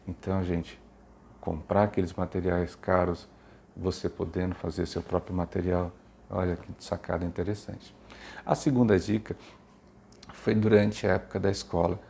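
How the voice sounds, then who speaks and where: A man's voice: deep voice, flat delivery, moderate pace, vocal fry, a little mellow, a little hiss or hum. A Brazilian man speaking informally to parents and teachers, explaining literacy tips and sounding out letters with emphasis. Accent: Brazilian Portuguese.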